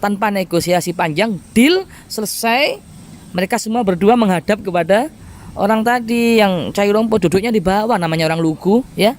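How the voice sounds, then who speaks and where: A man who preaches in a lively storytelling style and often addresses his congregation directly. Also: high-pitched, moderate pace, slight background noise. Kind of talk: storytelling sermon.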